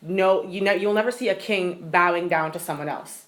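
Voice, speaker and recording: Lowish-voiced woman on a podcast, super blunt and candid, says like a lot. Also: moderate pace. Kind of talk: casual podcast chat.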